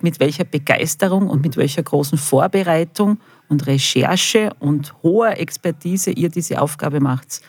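A middle-aged woman with an Austrian accent and a deep, darkish, slightly breathy voice answers children's interview questions enthusiastically and colloquially. She's a school quality manager appearing as the guest, in a dry recording.

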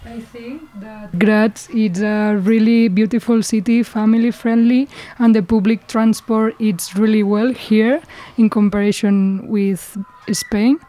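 A young woman speaks as a guest on a student radio show, in simple English with restarts. Her voice sits a little high, yet it sounds mellow and stays even. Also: a little slow, low-quality recording. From Barcelona. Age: young adult.

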